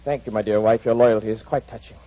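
A man's voice: on the low side, fairly even intonation, fast talker, dark tone, close to an everyday voice. Man playing a sardonic, tormented brooding lover. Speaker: Heathcliff. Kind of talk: 1940s radio acting. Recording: dull old radio broadcast.

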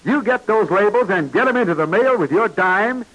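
A man announcing an old 1940s radio serial, pitching to kids in a hearty way. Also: animated, normal speed, muffled recording.

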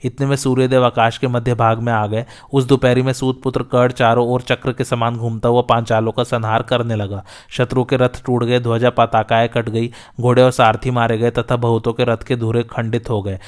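A male narrator reads a scripted epic battle tale steadily and in a measured way. His smooth, resonant voice stays in a middle pitch range and barely shifts.

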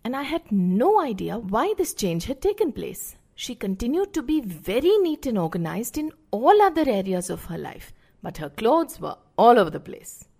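Woman, middle-aged, fairly high voice, animated intonation, podcast advice narration, speaks straight to the listener. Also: creaky, slightly rough. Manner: measured, explanatory, addresses the listener directly. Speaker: parenting podcast host.

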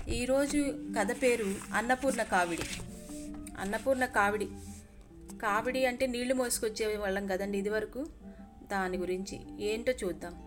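Chatty woman telling folk tales. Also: medium pitch. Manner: polite, chatty, addresses listeners directly. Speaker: storyteller. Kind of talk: storytelling narration.

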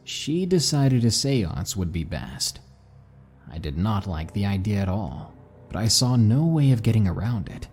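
Low, lively-pitched male narrator, hushed and dramatic, for a scary-story read. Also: a little slow, soft background music.

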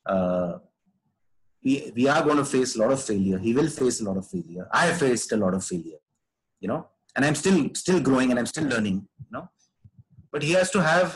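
A man's voice: medium pitch, poor audio. A man speaking as a podcast guest, giving earnest, conversational advice and repeating phrases for emphasis.

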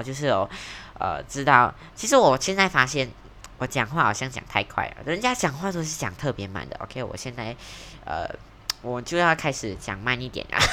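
Brief: young Malaysian Mandarin-accented woman, low, lively voice, chatty solo podcast host, faint noise behind. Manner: chatty, self-mocking, quick, mixes in English words. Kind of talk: casual solo podcast chat.

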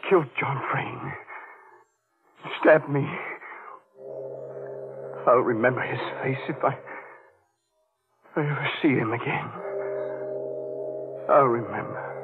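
A man's voice: medium pitch, slow pace, long pauses. A man playing an anguished, vengeful wounded man in 1940s radio melodrama, pained and gasping. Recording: tinny old radio broadcast with music.

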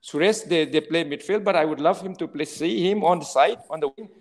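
A man's voice: fairly high pitch, brisk. A man with an Indian accent giving informal football analysis, emphatic and often repeating words and phrases. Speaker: football pundit.

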